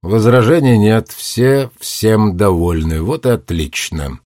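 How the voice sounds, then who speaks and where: A calculating warlock gives orders in a low, dry, ironic voice, as a man reads him in a storybook. The voice sits low. The recording is close and dry. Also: slow, a little mellow, no echo. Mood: commanding. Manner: commanding, dryly ironic. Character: cold, calculating adult male warlock.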